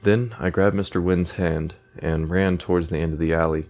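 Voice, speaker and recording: Low-pitched male gamer, reads game text aloud, chats between lines. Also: steady tone, normal speed, a little mellow, muffled recording. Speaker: let's play gamer. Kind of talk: game playthrough commentary, reading text aloud.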